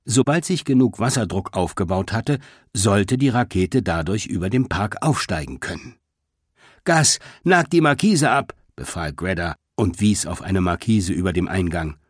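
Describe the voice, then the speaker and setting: A man narrating a children's story in an expressive, scripted reading. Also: low-pitched, normal speed, slightly rough, no echo, studio quality. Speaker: audiobook narrator.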